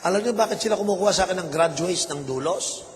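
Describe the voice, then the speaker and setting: A man's voice: high voice, quick pace. A man preaching a sermon as pastor, slipping English phrases in and asking the congregation questions. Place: church. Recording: reverberant hall, faint noise.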